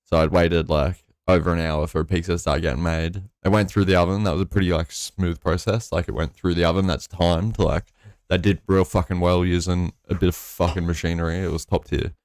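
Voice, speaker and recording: A man's voice: deep voice, little pitch movement, a little fast, a little mellow, no room sound, studio quality. A young man casually telling a rambling, sweary story on a podcast. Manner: sweary, rambling, laid-back. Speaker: podcast co-host.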